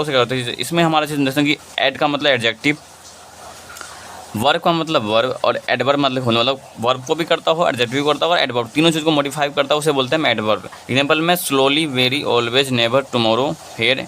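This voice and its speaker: A man's voice: a little high, a bit bright, a little hiss or hum. A man teaching English grammar in a lesson, explaining in Hindi and reading English examples in an Indian accent, often asking and answering his own questions. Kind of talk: classroom-style lesson.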